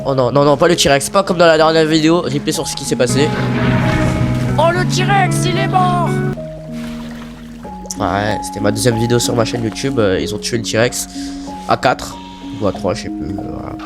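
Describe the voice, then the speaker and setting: A man giving casual, excitable commentary on his own gameplay, pleading with the game and swearing casually. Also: mid-range voice, fairly quick, loud music behind the voice.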